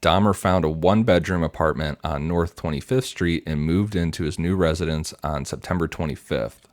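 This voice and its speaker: A man with a very low, deep voice reads through his prepared notes in a steady, matter-of-fact way. He is close to a podcast microphone in a dry, dead-sounding room. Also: moderate pace, dry recording. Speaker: podcast co-host and researcher.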